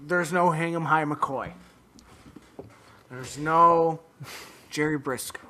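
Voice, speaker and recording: A man's voice: a little high, fairly even intonation, slow pace, bright, forceful tone. A man co-hosting a podcast, joking bluntly and swearing in casual film chat. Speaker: podcast co-host.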